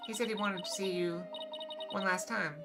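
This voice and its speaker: A woman's voice: mid-range voice, fairly even intonation, normal speed, lightly acted. Woman playing earnest young spirit medium, music behind. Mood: sad, earnest. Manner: hesitant, sincere. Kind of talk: voiced game dialogue read-through.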